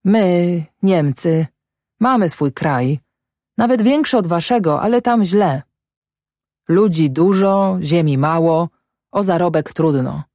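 A woman voicing a sick, thin old German settler in a storybook, speaking in a halting, broken way. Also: low-pitched, animated, a little mellow, no echo, studio quality. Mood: weary.

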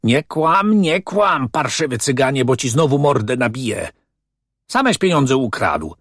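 A man's voice: mid-range voice, very animated, a little slow, a bit bright, no echo, clean studio sound. A man reading as a cocky, scornful young man who talks in a brash, dismissive way.

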